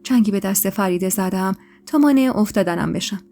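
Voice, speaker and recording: A woman storyteller reading a dramatic first-person story in an emotional, expressive way, with faint music behind her. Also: mid-range voice. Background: faint background music.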